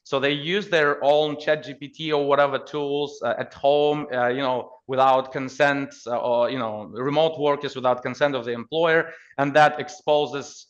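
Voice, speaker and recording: A man with a Ukrainian accent appears as a podcast guest, offering conversational expert commentary in halting phrases and repeated words. His pitch is medium and his tone steady, though the audio is dull.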